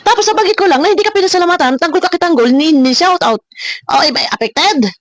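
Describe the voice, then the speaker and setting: This woman sounds very high-pitched and expressive, talking fast with no echo. Hosting a reaction video, she addresses her critics directly in a combative rant loaded with repeated words and rhetorical questions.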